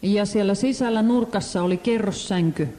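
Hesitant mellow-voiced interpreter in hall. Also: medium pitch. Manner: hesitant, many fillers and restarts. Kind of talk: live sermon interpreting. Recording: echoey hall.

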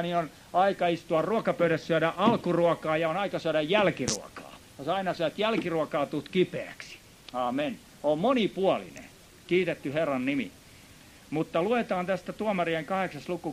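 A man preaching a sermon, emphatic and rising to shouts, with frequent amens and hallelujahs. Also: fairly high pitch, slight background noise. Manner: emphatic, shouting at peaks, repeats amen and hallelujah.

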